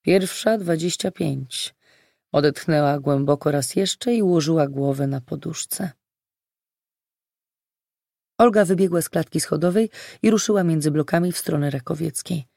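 Gravelly audiobook narrator. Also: medium pitch, moderate pace, dark tone, dry recording, clean studio sound. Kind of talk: scripted narration.

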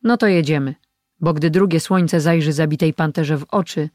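An old hermit healer and sorcerer, played by an audiobook reader, gives orders with calm authority. He speaks like a stern elder who expects to be obeyed. The storybook recording is dry, with no room sound. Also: medium pitch, moderate pace, no echo, close to an everyday voice. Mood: earnest. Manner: commanding, authoritative. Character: old male mountain healer and sorcerer, commanding.

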